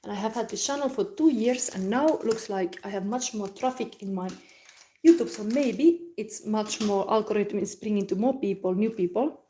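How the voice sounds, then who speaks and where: A woman from Finland, giving a live tarot reading in a soft, musing way with frequent hums and restarts. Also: mid-range voice, normal speed, a little hiss or hum. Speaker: tarot reader.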